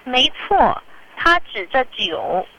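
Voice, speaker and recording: A woman acts as a customer in a scripted call. Her voice is bright and lively in pitch, with slow, deliberate phrasing. There is faint noise behind her. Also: muffled recording. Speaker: customer caller in a scripted phone dialogue. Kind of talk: scripted customer service role-play.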